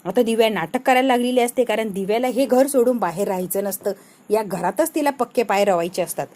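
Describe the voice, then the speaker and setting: A woman's voice: fairly high pitch, a little fast, a little mellow. Female recapper, dramatic storyteller, voices every character herself. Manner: dramatic storytelling, reads all characters' lines. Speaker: serial episode reviewer. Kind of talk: animated episode recap.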